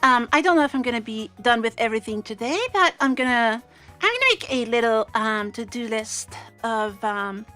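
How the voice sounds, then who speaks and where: A woman's voice: a little high, animated, normal speed, pushed and bright, soft background music. A bubbly, hesitant woman hosting a casual programming livestream, her pronunciation slightly off from a swollen mouth. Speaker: livestream host.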